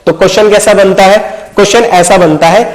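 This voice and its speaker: A man's voice: high voice, steady tone, brisk, low-quality recording. A man teaching a Hindi lesson who asks questions and answers them himself, checking in with his students often. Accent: Hindi mixed with English words. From Uttar Pradesh. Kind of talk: explanatory video lesson.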